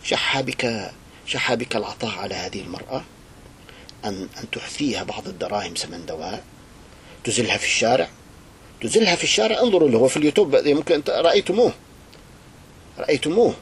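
A male Islamic preacher gives an impassioned religious address. He swings between quiet lament and loud indignation. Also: mid-range voice, sing-song, fast talker, long pauses, slight background noise.

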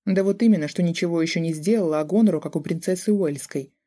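An audiobook narrator voicing an indignant, scolding middle-aged mother, with a raised and exasperated delivery and a mellow tone. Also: medium pitch, fast talker, lightly acted.

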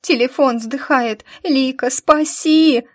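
A woman's voice: sits high, takes it slowly, pitched above the performer's own voice. A woman voicing a panicked, injured teenage girl who is crying and gasping hysterically. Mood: sobbing, panicked.

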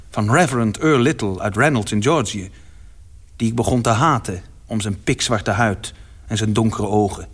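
Reading a first-person literary story as its narrator, a man uses a dramatic delivery that swells in louder passages. His voice is medium-pitched with a breathy edge.

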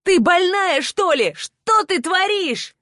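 A woman narrator voicing a pushy, obsessive young man who coos and then yells angrily, in a dry close recording. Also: medium pitch, animated, moderate pace, husky, dry recording. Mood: yelling. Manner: cooing, then yelling angrily.

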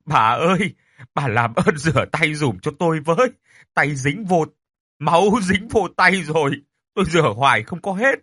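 A frantic old father, wailing and pleading in a high, swinging voice that breaks into wild laughter, as a man puts him on. The tone is bright and husky, close and dry, like a spoken horror story. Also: expressive, measured pace, no room sound, exaggerated voice. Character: old man gone mad with guilt, crazed.

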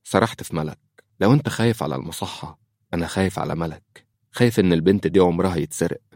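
A man plays an earnest Egyptian doctor who runs a clinic, protective and serious, in a deep voice. The sound is close and dry. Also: rapid-fire, darkish tone, no echo. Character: worried male clinic director, doctor.

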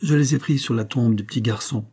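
Man doing a shy young guy, respectful, hesitates, soft husky voice. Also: medium pitch, a little fast. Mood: hesitant. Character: timid, devoted young man.

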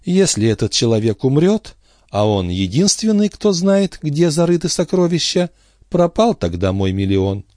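Guy doing a jittery greedy notary, voice pushed up high, storybook. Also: sing-song, normal speed, warm tone, no echo, studio quality. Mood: fretful.

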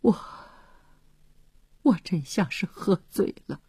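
A woman gives voice to a worn-out, gentle man in a radio story. He speaks softly and reassuringly, slow and husky. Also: mid-range voice, huge pitch swings, no echo, heavily acted. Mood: weary.

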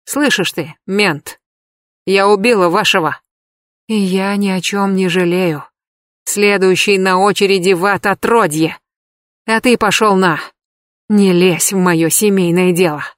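A woman's voice: mid-range voice, steady tone, measured pace, dry recording, studio quality, close to an everyday voice. A woman reading an audiobook, voicing a vengeful, fanatical mother who speaks in a hollow, menacing tone. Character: vengeful fanatical middle-aged mother, cold and hateful.

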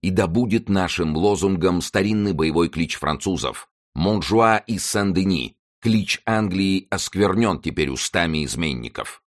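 A proud king facing betrayal, solemn and commanding, in a low, deep voice as a male audiobook narrator puts him on. His lines come as rallying orders. The delivery stays grave and regal. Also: animated, unhurried, few pauses.

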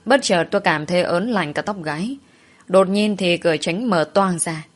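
A woman's voice: fairly low pitch, normal speed. Woman narrating a dramatic story. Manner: dramatic, voicing the heroine's fears. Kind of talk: first-person story narration.

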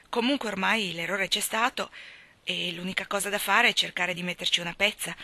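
A woman reading a novel aloud, voicing a practical, middle-aged spinster with a measured, matter-of-fact delivery. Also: medium pitch, sharp tone, dry recording. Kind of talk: audiobook reading.

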